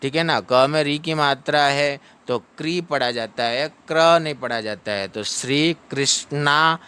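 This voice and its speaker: A man teaching how to pronounce a Sanskrit chapter ending, drilling each syllable slowly and chanting it back. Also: a little high, bright, forceful tone, smooth. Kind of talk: pronunciation lesson.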